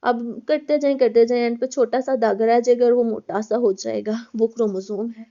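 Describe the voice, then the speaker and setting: A woman teaches a college biology class, going step by step, repeating herself and addressing the students as children. Her voice is fairly high yet mellow and dark in tone. The recording is dull and lo-fi. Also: steady tone, fairly quick.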